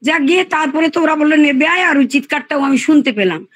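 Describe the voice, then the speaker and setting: An older woman casually telling a lively childhood story on a video call, acting out the shouted quotes. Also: sits high, fast, dry recording, low-quality recording. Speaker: participant in an elders' group chat.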